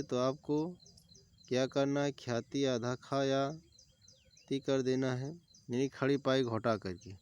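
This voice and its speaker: Male tutor, exam-prep grammar class, clear smooth voice, repeats terms and lists examples. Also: medium pitch, no room sound. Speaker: teacher.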